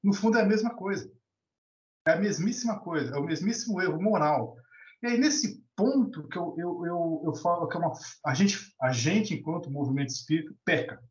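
Speaking briskly in a voice on the high side, an animated São man from Brazil, a teacher in a discussion, shares casual stories and opinions. His speech is colloquial and full of restarts, captured in echoey lo-fi audio.

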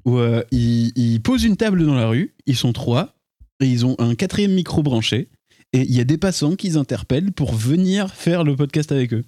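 Young man, podcast co-host, casual chat, dry candid remarks, mid-pitched voice, lively pitch. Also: moderate pace.

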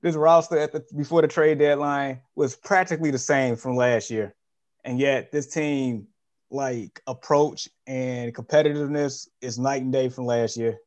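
A man's voice: medium pitch, steady tone, moderate pace, darkish tone. A man co-hosting a sports podcast in casual chat, talking conversationally and correcting himself as he goes. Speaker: podcast co-host.

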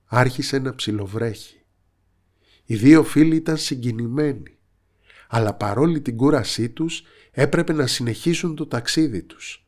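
Man narrating a children's story. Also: mid-range voice. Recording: narration over soft instrumental music.

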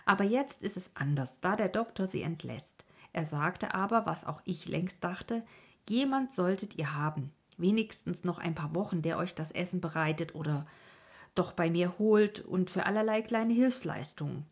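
A warm-hearted colonel's wife in a storybook, voiced by a woman soothes and persuades with calm firmness. Her voice sits low and breathy, with a soft husk to it. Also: moderate pace. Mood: persuasive. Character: kind, firm colonel's wife.

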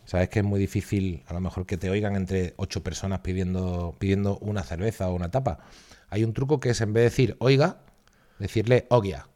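A man's voice: deep voice, fairly even intonation, fairly quick, dark tone. A man in his thirties co-hosting a podcast, chatting playfully and laughing, acting out silly voices in his stories. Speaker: podcast co-host. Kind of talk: casual chat.

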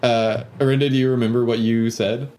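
A man's voice: medium pitch, a little fast. A man in casual podcast chat, animatedly retelling a video game scene and acting out characters' lines. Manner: animated, acts out characters in yelling voices.

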